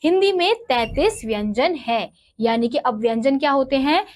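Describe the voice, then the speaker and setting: A woman's voice: sits high, lively intonation, normal speed. A woman teaching a grammar lesson, patiently asking and answering her own questions and spelling out letters one by one.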